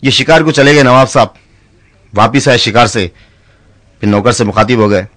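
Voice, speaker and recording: A man's voice: medium pitch, moderate pace, a bit bright, no room sound. A man telling short jokes on stage and switching into acted voices for his characters. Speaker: stand-up comedian.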